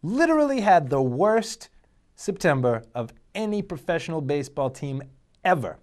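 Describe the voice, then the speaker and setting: A man co-hosting a casual sports chat, dry and wry, quick to push back on his partner. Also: on the high side, sing-song, a little mellow. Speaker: sports talk co-host.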